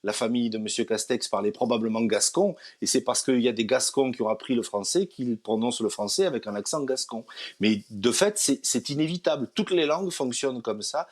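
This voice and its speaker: A man speaks as a researcher in an explanatory interview. His voice is of medium pitch. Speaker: sociolinguist.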